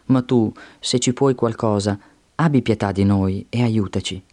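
Man reading desperate middle-aged father, pleading, slightly raised, mellow tone. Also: on the low side, a little slow, no room sound, clean studio sound, lightly acted.

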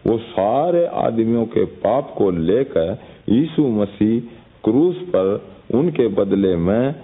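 Slow husky preacher. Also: male voice, lowish voice, expressive. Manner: slow, addresses listeners as dear ones. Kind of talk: storytelling sermon. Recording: tinny phone-like audio.

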